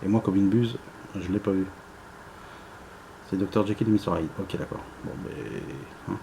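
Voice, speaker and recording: A man's voice: sits low, normal speed, creaky, background noise. A man giving casual unboxing commentary, rambling and hesitant with many fillers. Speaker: unboxing vlogger.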